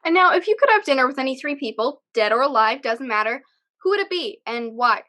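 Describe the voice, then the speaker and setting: High-voiced bubbly host lady asking fun questions on a video call, bright and giggly. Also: animated, fairly quick. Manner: giggly, chatty, exclaims easily. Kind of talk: casual interview.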